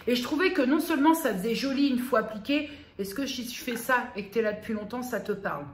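A woman's voice: fairly high pitch, quick pace. A woman vlogger chatting casually and familiarly to her viewer, a little self-mocking. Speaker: beauty vlogger. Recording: roomy echo, faint background noise.

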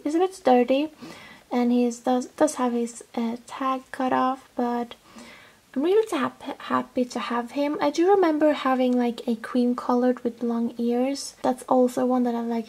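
A woman's voice: high voice, darkish tone, slightly rough. A woman with a Swedish accent, chatting casually as she shows off her toy collection, often dropping almost to a whisper. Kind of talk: casual show-and-tell vlog.

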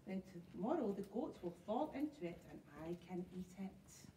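A woman voicing a big, grumpy, hungry male troll in a storybook reading, with a low grumbling voice that turns small when scared. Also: animated, normal speed, noisy background, close to an everyday voice. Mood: scheming. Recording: roomy echo, mic at a distance.

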